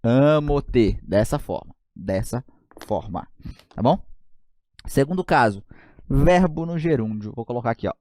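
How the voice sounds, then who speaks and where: A man's voice: mid-range voice, animated, measured pace, darkish tone, no echo, studio quality. A man with a Brazilian Portuguese accent teaching an online grammar lesson, joking and often checking in with his students.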